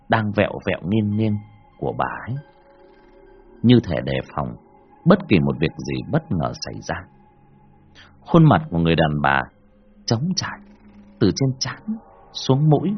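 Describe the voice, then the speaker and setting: A man narrating a first-person horror story in a dramatic, drawn-out way. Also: deep voice, slightly rough. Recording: dull lo-fi recording.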